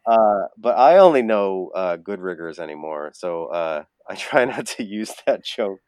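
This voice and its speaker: Casting note: man, low voice, casual storyteller, lots of "uh", close dry sound. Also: expressive, unhurried, a little mellow, dry recording. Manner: rambling storyteller, many fillers, laughs often. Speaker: rigger telling stories. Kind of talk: casual chat.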